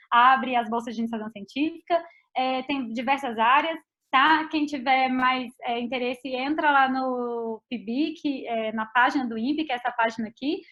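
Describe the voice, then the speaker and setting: Brazilian woman, high voice, chatty researcher on a dull lo-fi video call. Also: a bit bright. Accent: Brazilian Portuguese. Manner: chatty, frequent "tá?" and "né?" tags. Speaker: invited scientist speaker. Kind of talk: casual online talk and Q&A.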